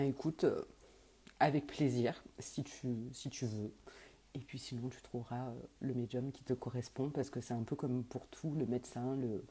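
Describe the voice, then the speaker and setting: A woman speaks in a soft, dark, somewhat husky voice, answering viewers' questions as a medium on a casual live stream. She talks hesitantly, stacking fillers and restarting phrases as she goes. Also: rumbling low. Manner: hesitant, many fillers and restarts, laughs often.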